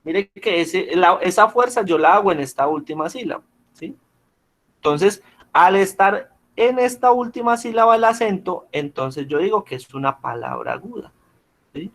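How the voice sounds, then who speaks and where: Male teacher, slightly high voice, patient and questioning, heard over a video call. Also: animated, normal speed, a bit bright. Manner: patient, checks in with frequent questions. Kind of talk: online class lesson.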